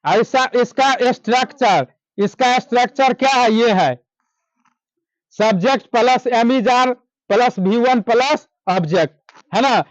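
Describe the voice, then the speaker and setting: A man's voice: extremely high pitch, no room sound, muffled recording. A male teacher with a Bihar accent giving a classroom grammar lesson, quizzing the class with questions and repeating the answers. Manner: drawn-out slow English examples.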